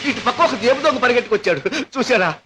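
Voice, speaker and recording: A man's voice: very high voice, racing, heavy background noise. An actor playing a timid policeman who keeps whining that he is about to cry. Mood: whiny. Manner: whiny, tearful. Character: weepy male policeman, timid and whiny.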